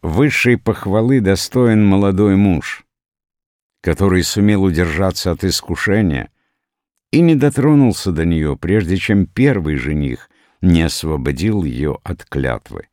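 Earnest male traveler in a storybook parable, deep and deliberate, read by a man. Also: expressive, a little mellow, no room sound, clean studio sound. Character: male traveler praising the young husband.

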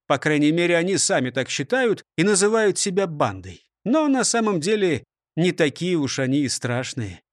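A man's voice: sits high, dry recording, clean studio sound. A man narrating a children's storybook, speaking directly to the listener. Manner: lively, talks to the listener.

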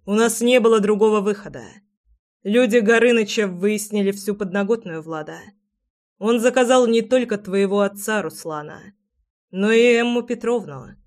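A woman reading the lines of a calm, protective young man in an audiobook, in a measured, unhurried way, close to her own voice. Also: mid-range voice, close to an everyday voice. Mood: reassuring.

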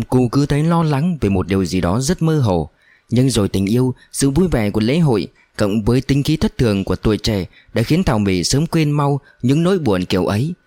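A man narrating a storybook in a steady, unhurried way. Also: medium pitch, no echo.

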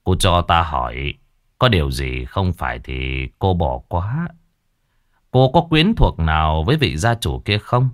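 A man voicing a stern, grave older exorcist in a ghost story, speaking slowly and quietly. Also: low-pitched, very animated, dry recording, studio quality, voice pushed down. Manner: slow, grave, measured.

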